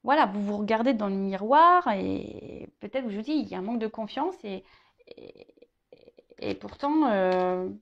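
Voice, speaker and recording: A woman's voice: mid-range voice, lively intonation, unhurried, vocal fry, fairly bright tone, lo-fi sound. A woman giving a tarot reading, talking straight to the viewer, hesitant, with many repeated words and fillers, now and then joking. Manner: chatty, addresses viewer directly, jokes. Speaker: tarot reader.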